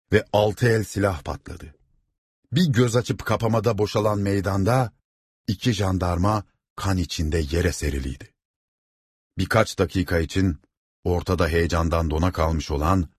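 A man reading a novel aloud as narrator, with steady, dramatic storytelling. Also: low-pitched, husky, dry recording, clean studio sound.

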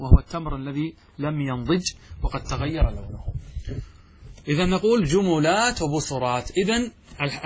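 Husky male grammar teacher lecturing. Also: fairly high pitch. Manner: asks and answers his own questions; repeats example words slowly. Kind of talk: classroom lecture.

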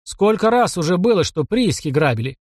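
A man's voice: high-pitched, very animated, a little fast, no room sound, clean studio sound, pitched above the performer's own voice. A man voicing a gloomy, irritable, hungover army major in an audiobook. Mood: curt. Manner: gloomy, curt.

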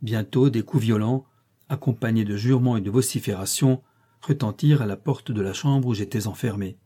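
A man reads a classic short story aloud in the first person, in a measured, literary manner. His voice is dark and warm, with a husky grain. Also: fairly low pitch. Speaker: audiobook reader.

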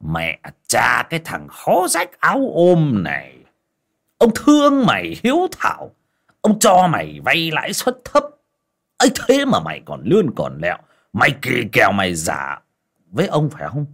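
A man voicing a cruel, scornful wealthy moneylender who sneers and barks insults and orders, with a husky voice. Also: sits low, very animated, a little slow, long pauses, a bit bright, heavily acted. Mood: furious.

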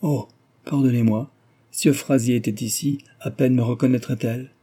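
A man's voice: medium pitch, steady tone, moderate pace, mellow, breathy edge, lightly acted. A man reading aloud, voicing a frivolous, gossiping young aristocratic lady who talks flippantly and teases. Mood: flippant chatter. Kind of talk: audiobook character reading.

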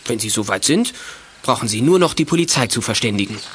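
A man reads scripted, matter-of-fact narration for a children's detective audio drama, using a medium-pitched voice with lively intonation at a quick pace, lightly acted. It's a clearly noisy old audio play recording.

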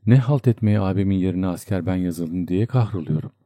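A homesick young soldier who confides in long, rambling stories, read by a male narrator. The voice is low and dark. It stays close to the reader's own sound. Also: a little fast, no echo, close to an everyday voice. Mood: rueful. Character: homesick young soldier, man, chatty and earnest.

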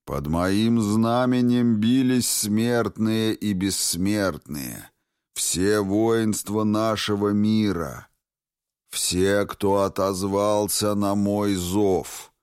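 A man voicing an ancient, wrathful ghost dragon in an audiobook, speaking slowly and solemnly. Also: fairly low pitch, darkish tone, clean tone, no echo, clean studio sound. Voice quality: slow, heavy, solemn delivery.

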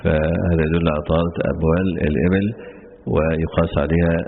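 A very low, flat-voiced man gives a lesson on a classical religious text, moving quickly through his explanations and pausing on many "aah" fillers. His voice comes through a tinny, phone-like recording with faint hiss behind it. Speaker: Islamic scholar teaching hadith commentary.

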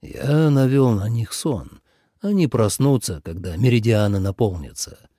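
A man reading an audiobook voices a weary male war god general, calm and measured. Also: lowish voice, dry recording, clean studio sound.

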